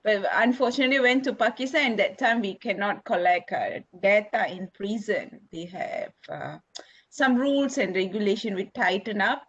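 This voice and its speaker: A woman's voice: mid-range voice, normal speed, husky, dull audio. A woman with a Malaysian English accent hosting an informal online discussion, chatty with many fillers, on a video call. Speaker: academic host of online session.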